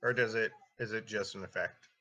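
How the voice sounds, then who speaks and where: A man's voice: on the low side, steady tone, brisk, sharp tone, muffled recording. A man improvising narration as game master of a tabletop fantasy game, in a casual, conversational way.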